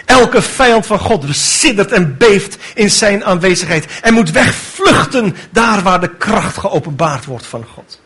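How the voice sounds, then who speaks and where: A man's voice: sits high, lively intonation, a little slow, fairly bright tone, breathy edge. A man preaching a sermon with fervent delivery, building to emphatic rhetorical questions.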